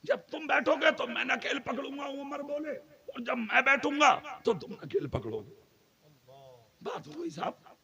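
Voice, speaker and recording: A man giving a fervent religious sermon at a night gathering. He shouts on key lines and jokes with his listeners in between. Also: very high-pitched, lively intonation, a little slow, creaky, crowd noise. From Moradabad, India. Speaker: Islamic preacher.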